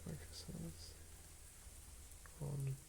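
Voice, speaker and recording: Here the Australian whisperer, from the south of the country, sounds a little high, speaking flatly with drawn-out words and vocal fry. He muses and rambles ASMR-style while creating a game character, over a noisy ambient background.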